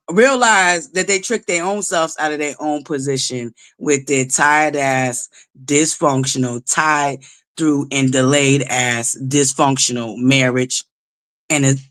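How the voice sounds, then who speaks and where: A woman hosting her own live stream, talking in a loud, boisterous and sassy way, sometimes bursting into shouts. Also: low-pitched. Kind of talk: casual live-stream commentary.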